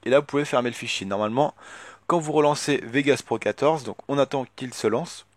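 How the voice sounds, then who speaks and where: A man talking casually through a software tutorial at his computer, hesitant and full of filler words as he thinks aloud. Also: mid-range voice, a little fast, dry recording. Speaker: tutorial youtuber.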